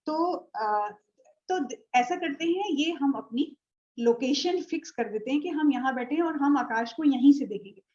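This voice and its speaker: Woman teacher, high voice, patient step-by-step explainer, muffled online-class audio. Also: expressive, moderate pace, warm tone. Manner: explains step by step with a globe, checking with ठीक है. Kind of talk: live online astronomy lesson. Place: indoor room with a board and a tablet.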